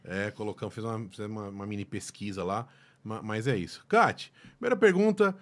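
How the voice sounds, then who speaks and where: A man hosts a casual podcast interview, teasing and playful, often stumbling over and restarting his sentences. His voice is fairly low in pitch, animated, and brisk.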